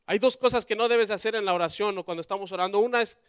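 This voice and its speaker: A man preaching a sermon in church, conversational, moving between loud emphasis and quiet asides. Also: high-pitched, fast, clear, resonant tone, no room sound, clean studio sound. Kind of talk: sermon with personal story.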